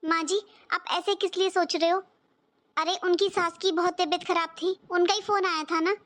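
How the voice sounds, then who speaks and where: A very high-pitched, polite young daughter-in-law from a cartoon family drama. She sounds respectful and a little hesitant, gently soothing her elders. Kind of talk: cartoon voice acting.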